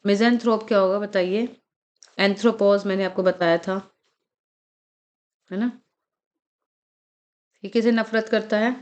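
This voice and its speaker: A woman lecturing on vocabulary for exam preparation, speaking in Hindi on the terms. She slows right down to read out passages and drills pronunciations one word at a time, and she keeps checking in with short questions to her students. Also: medium pitch, steady tone, dull audio. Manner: explains words in Hindi, reads English lines slowly. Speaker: vocabulary teacher. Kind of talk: recorded exam-prep lecture.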